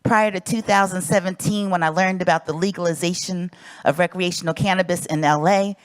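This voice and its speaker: A woman's voice: lowish voice, steady tone, fairly quick, no room sound. Middle-aged woman from South Central Los Angeles, invited speaker, earnest and emphatic delivery, dry sound. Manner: earnest, emphatic speech cadence. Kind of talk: prepared speech.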